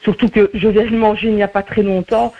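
A woman's voice: medium pitch, level tone, a little fast, narrow, tinny audio, noisy background. Rambling woman with a Liège accent. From Belgium. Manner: long rambling sentences, polite. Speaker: singer taking a call. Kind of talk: phone conversation.

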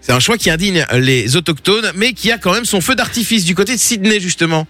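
A man's voice: high voice, lively intonation, brisk, bright, forceful tone, no echo, soft background music. A man presenting a quiz on a radio show, in playful banter with co-hosts.

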